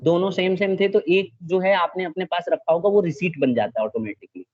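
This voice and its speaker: A male teacher lecturing a class with a patient, step-by-step delivery, often stopping to make sure the students follow. His voice sits a little high for a man. The recording sounds dull and lo-fi. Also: brisk. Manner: patient, checks understanding often, mixes in English terms.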